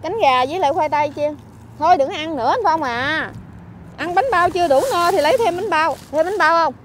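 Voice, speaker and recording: A woman with a Southern Vietnamese accent, a vlogger chatting on the street who fusses, scolds and keeps exclaiming out loud. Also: sits high, fairly quick, noisy background. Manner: scolding and fussing, exclaims often. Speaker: vlogger helping homeless people. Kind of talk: casual on-street chat. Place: outdoors by a street.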